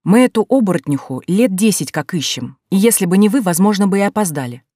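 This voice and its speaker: A woman voicing a steady, composed male sorcerer in a storybook reading. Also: mid-range voice, fast talker, no room sound, clean studio sound, natural voice. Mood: earnest.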